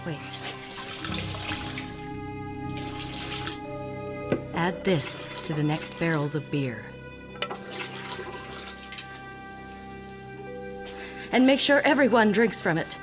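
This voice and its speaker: A woman's voice: lowish voice, big pitch swings, normal speed. An actress playing a proud, commanding Viking housewife and mother who speaks defiantly, in a documentary reenactment. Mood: secretive. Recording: music behind.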